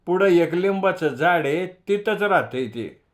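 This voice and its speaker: A man voicing an eager, bragging village boy in high, drawn-out rustic speech. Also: lively intonation. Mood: boastful.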